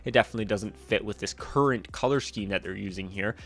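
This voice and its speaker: Faint music plays behind a young man in his twenties whose voice is lowish and a bit bright. Stuffed up from a cold, he talks fast and opinionatedly about hockey jerseys in a casual vlog, recorded on a boom-arm desk mic in a small room.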